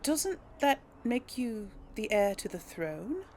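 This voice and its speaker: Speaking slowly with a fairly high pitch, big pitch swings, and a darkish tone, a woman hosts a gaming let's play over a slight hiss or hum. She muses hesitantly to her viewers as she plays, keeping it casual.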